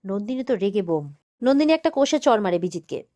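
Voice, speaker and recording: A woman's voice: mid-range voice, big pitch swings, dark tone. A woman recapping a TV serial episode in a casual retelling, quoting the characters' lines as she goes. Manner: retells quickly, quoting each character's lines with light emphasis.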